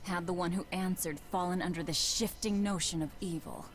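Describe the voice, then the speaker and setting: A woman's voice: lowish voice, brisk, soft background music, lightly acted. A woman playing a stern, defiant demon lord in a video game, with a blunt, resolute delivery. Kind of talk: scripted video game acting.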